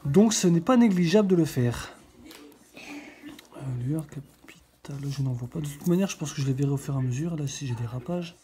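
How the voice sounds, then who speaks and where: A middle-aged woman with a low, mellow voice and lively intonation hosts a scratch-card video at a moderate pace. She keeps up a casual running commentary, thinking aloud as she checks each letter.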